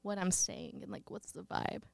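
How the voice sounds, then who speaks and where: This podcast co-host from rural Texas talks in a casual, playful, giggly manner, frequently jumping in with interjections. She has a mid-range, expressive, creaky voice at normal speed and an American accent with a slight Texas twang. The studio-quality recording has no room sound.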